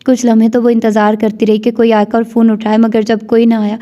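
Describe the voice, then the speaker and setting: A woman's voice: fairly high pitch, monotone, fairly quick, dark tone, highs cut off. A woman reading a romance novel aloud as scripted narration, voicing all the characters herself. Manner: reads every character's lines in her own voice. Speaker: novel reader.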